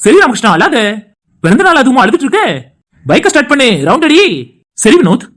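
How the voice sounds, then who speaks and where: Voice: sits high, quick pace, loud music behind the voice. An actor voicing cheerful young men joking among friends. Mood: warm. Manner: lively, teasing banter. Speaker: cartoon voice actor. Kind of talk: animated family drama dialogue.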